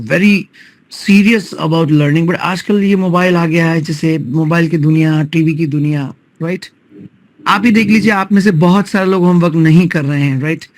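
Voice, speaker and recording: A man with an Indian accent leads a live online English-speaking class. He mixes Hindi and English and keeps checking in with his students through tag questions. His voice sits fairly high and sounds close and dry, with no room around it. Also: dry recording. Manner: repetitive drilling, breaks words into sounds.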